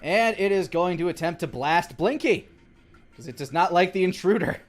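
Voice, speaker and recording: A man's voice: sits high, animated, moderate pace, faint music behind. A man narrating as dungeon master in a live-streamed tabletop game, describing the scene with fillers and restarts.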